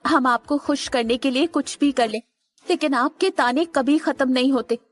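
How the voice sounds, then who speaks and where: A man's voice: extremely high pitch, normal speed, a bit bright, pitched above the performer's own voice. A man voicing a defiant young woman who speaks up indignantly in an audiobook story. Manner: indignant, pleading. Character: defiant young woman standing up to her grandmother. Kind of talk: audiobook character voice.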